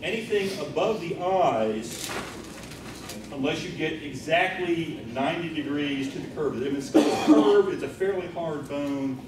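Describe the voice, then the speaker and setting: A man's voice: a little high, animated, a little slow, heavy background noise. Man lecturing in an echoey hall. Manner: blunt, matter-of-fact, anatomical detail. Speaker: keynote speaker. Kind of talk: lecture with demonstration. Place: large hotel meeting room. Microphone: far camera, no visible mic. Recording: echoey room from far off.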